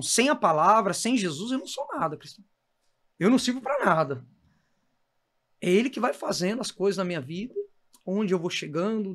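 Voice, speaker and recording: A missionary preacher with a Brazilian Portuguese accent tells his testimony of faith with fervor, addressing the listener as brother. His voice is high and a bit bright.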